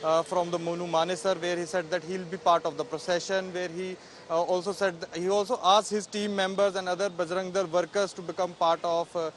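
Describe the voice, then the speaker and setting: A man's voice: high-pitched, little pitch movement, fairly quick. A man with an Indian accent giving a live investigative news report as a field reporter. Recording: faint outdoor traffic noise on live link.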